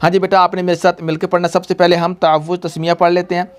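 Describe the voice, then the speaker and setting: A man's voice: high voice, little pitch movement, fast, clear, resonant tone. A young man teaching a tajweed lesson, patient and repetitive, quizzing his pupils. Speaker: Quran reading teacher.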